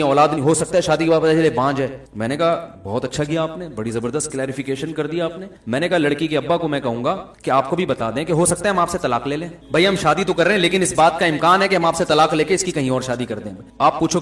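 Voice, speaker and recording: A middle-aged man giving a religious talk, telling anecdotes in a lively, joking manner and often chuckling. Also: on the high side, roomy sound. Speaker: Islamic preacher.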